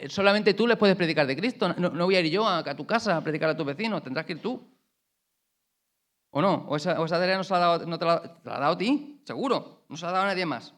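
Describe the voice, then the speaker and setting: Animated colloquial pastor. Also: male voice, high voice. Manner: colloquial, animated storytelling with rhetorical questions. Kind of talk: sermon.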